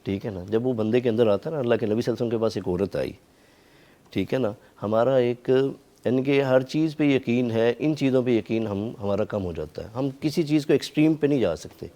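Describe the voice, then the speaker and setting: A man's voice: medium pitch, warm tone. A man speaking as a religious scholar, explaining points of faith in a panel talk, with some noise behind him.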